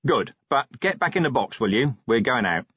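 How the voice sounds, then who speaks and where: A gruff, tired middle-aged watch commander, voiced by a man who talks in short, matter-of-fact bursts. The voice is husky and the recording dull and dry, with no room sound. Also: medium pitch, very animated, moderate pace, fairly bright tone, dry recording. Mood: brusque.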